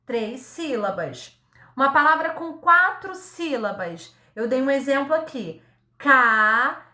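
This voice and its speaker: A woman teacher giving a recorded lesson to young children, speaking slowly and patiently, sounding words out syllable by syllable and checking in with a frequent "tá?". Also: sits high, big pitch swings, sharp tone, echoey room. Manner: ends phrases with a checking "tá?". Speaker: primary school teacher.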